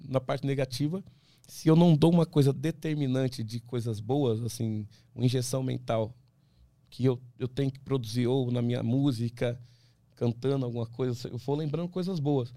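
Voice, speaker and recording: Brazilian man telling stories, dark dry voice. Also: medium pitch, moderate pace, no room sound. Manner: animated storyteller, many restarts, acts out quoted voices. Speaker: ultramarathon runner, podcast guest. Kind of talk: casual interview talk.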